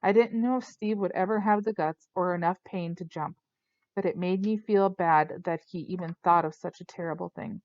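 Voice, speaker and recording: Brief: woman narrator, lowish voice, dry close sound, somewhat dull and lo-fi. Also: moderate pace, dry recording. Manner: steady, storytelling. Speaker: audiobook narrator. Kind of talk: first-person audiobook narration.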